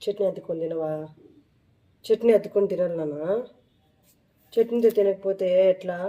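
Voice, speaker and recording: A woman narrating a family vlog, gently coaxing her small son and repeating her questions to him. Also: mid-range voice, brisk, low-quality recording. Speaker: mother filming a family vlog.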